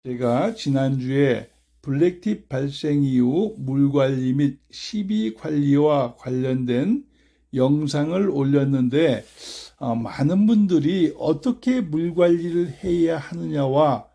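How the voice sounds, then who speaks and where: Middle-aged male farmer-host, outdoors; dark, mellow tone, explains things patiently. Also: fairly high pitch, animated, vocal fry. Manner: measured, explanatory, frequent "uh" fillers. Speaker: blueberry farmer and channel host. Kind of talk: instructional farm vlog narration. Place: outdoors on a farm.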